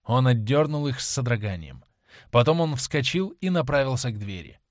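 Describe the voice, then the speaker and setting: Male audiobook narrator, measured and dramatic, mid voice, dry sound. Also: medium pitch, big pitch swings, dry recording.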